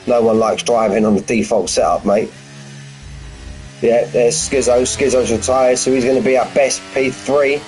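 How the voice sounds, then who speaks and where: A man calls a sim race as a chatty, informal commentator. He talks in a matey way at an ordinary male pitch. Faint music plays behind him. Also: steady tone, moderate pace, a little mellow. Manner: matey, addresses drivers as mate, lad and bud. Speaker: sim racing league commentator. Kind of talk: live esports racing commentary, informal and chatty.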